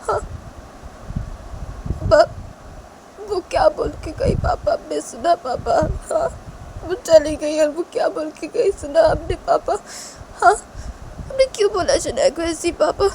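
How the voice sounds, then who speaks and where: A woman's voice: very high-pitched, expressive, a little slow, long pauses, dark tone, a little hiss or hum, voice pushed up, exaggerated voice, poor audio. A woman voicing a young son who tearfully pleads with his father, asking why he did it. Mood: tearful pleading.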